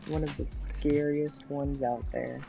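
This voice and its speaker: Halting voice on a podcast call. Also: medium pitch, fairly even intonation, vocal fry, dark tone. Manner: halting, repeats words. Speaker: podcast co-host. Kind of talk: casual chat. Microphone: on a call from another room.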